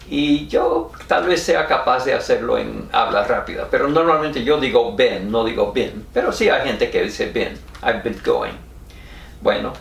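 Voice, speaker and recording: A man with an American accent explains spelling at an unhurried pace, spelling each letter out one by one. He sits back from the mic, so his voice sounds distant, and the room around him echoes. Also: medium pitch, vocal fry. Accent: American English. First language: English. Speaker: teacher.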